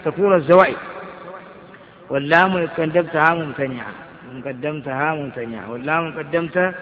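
A man's voice: a little high, fast talker, crowd noise. Man teaching grammar, asks rhetorical questions. Lo-fi lecture hall recording. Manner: reads a text aloud, then explains it with rhetorical questions. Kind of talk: classroom commentary on a grammar text. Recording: muffled, echoey lecture hall.

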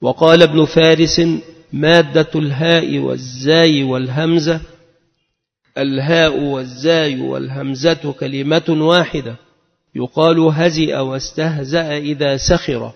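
A man's voice: on the high side, gravelly. A man giving a religious lesson, chanting verses melodically and reading scholars' definitions in a plain teaching voice. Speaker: Islamic lecturer. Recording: dull lo-fi sound with long reverb.

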